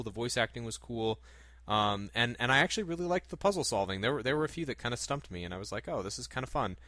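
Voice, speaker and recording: A man's voice: lowish voice, pushed and bright, no echo. A man hosting a gaming podcast in casual, conversational chat. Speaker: podcast host.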